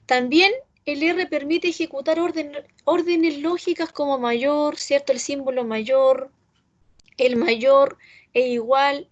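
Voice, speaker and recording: Slow patient high-voiced woman teacher. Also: fairly even intonation, highs cut off. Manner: slow, patient, keeps checking with "¿cierto?". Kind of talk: online class on R programming.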